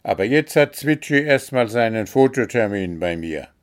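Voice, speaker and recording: A man's voice: lowish voice, expressive, normal speed, close to an everyday voice. A man voicing a fussy, easily exasperated male kobold in a storybook. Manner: exasperated, grumbling. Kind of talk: storybook character voice.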